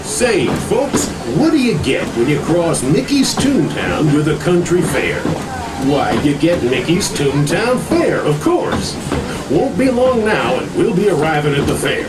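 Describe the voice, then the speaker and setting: Folksy man over a train loudspeaker. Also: a little high, big pitch swings, unhurried. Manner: folksy, hammy frontier drawl with corny jokes. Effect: played over an outdoor train loudspeaker. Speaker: train ride narrator. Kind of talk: pre-recorded folksy attraction spiel. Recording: distant echoey loudspeaker with loud crowd and noise. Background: crowd chatter and train noise.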